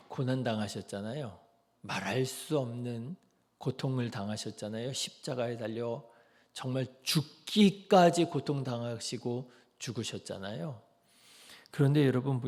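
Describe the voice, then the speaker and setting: A man preaching an early-morning sermon as pastor, asking the congregation rhetorical questions and dropping softly into quoted prayers. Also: medium pitch.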